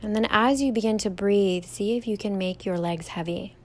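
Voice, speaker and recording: A standing guided meditation is led by a young woman who teaches yoga. Speaking at mid pitch, she keeps things slow, gentle and comforting, softly stretching her words.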